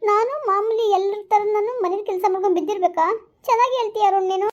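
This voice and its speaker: This is a stubborn young wife in a village skit, pleading and complaining by turns, as a woman acts her. Her voice is very high and quick, in rural Karnataka Kannada. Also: highs cut off.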